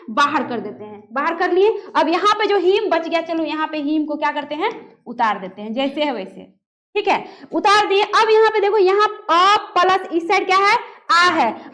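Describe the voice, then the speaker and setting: Very high-voiced woman teaching grammar. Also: fairly bright tone. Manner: asks students questions and answers them herself. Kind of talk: classroom lesson at a board.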